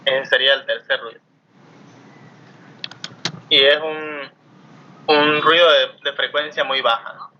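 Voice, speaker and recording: A man's voice: mid-range voice, steady tone, a little slow, long pauses, sharp tone. A man lecturing a class, explaining step by step and often asking his students questions. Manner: explanatory, asks students questions, frequent tag "¿no?". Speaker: teacher. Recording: muffled lo-fi mic with faint noise.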